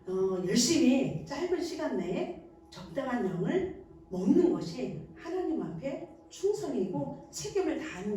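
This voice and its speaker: A woman teaching parents in a church service, warmly acting out the gentle words a mother says to her baby. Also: high-pitched. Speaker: church infant ministry teacher. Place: church hall. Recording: echoey room, voice from far off the mic.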